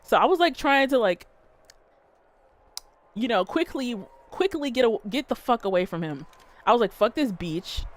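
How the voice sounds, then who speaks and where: A woman streamer telling a story and chatting with her viewers, animated and full of swearing. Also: fairly high pitch, normal speed, pauses often. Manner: profane, animated, talks straight to chat. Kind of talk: casual livestream storytelling and chat.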